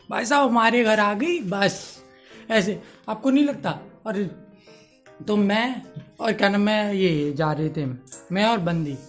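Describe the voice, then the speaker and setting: A man telling a stand-up comedy story in a chatty way, talking straight to the audience. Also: high voice. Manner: chatty, addresses audience directly.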